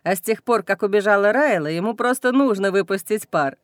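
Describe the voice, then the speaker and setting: A woman's voice: mid-range voice, brisk, dry recording, studio quality, close to an everyday voice. A woman voicing a cold, indifferent male werewolf warrior in an audiobook. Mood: cool. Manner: calm, dismissive. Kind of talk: audiobook character reading.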